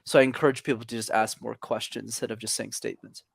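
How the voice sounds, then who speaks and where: A young man from Canada, a podcast guest, telling stories in energetic, extroverted casual chat. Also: medium pitch, fast, creaky, husky, dry recording, clean studio sound.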